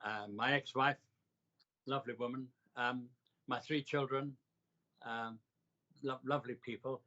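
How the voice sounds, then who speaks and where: An older man telling reflective personal stories in an interview, with a measured, emphatic delivery in short, deliberate phrases. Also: mid-range voice, fairly even intonation, sharp tone, lo-fi sound. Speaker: interviewee recounting a hospital stay.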